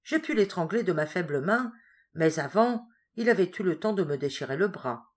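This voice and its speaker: A woman's voice: on the low side, lively intonation, normal speed, lightly acted. A woman doing a proud wounded boy. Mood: earnest. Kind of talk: storybook reading.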